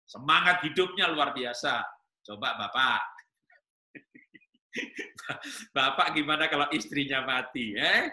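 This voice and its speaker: Bright joking preacher man, echoey hall. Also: mid-range voice, animated, slow, long pauses. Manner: joking, teasing the audience with questions. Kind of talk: humorous sermon to couples.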